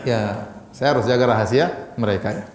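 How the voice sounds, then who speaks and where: A man's voice: mid-range voice, brisk, echoey room, slight background noise. A man giving a casual, joking sermon and answering audience questions as a preacher. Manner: conversational, joking asides. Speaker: Islamic preacher.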